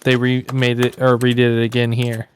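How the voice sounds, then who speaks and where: Man, informative, conversational, gameplay chat, medium pitch, faint noise. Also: completely flat delivery, fairly quick. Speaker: co-commentator. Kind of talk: casual explanatory gameplay chat.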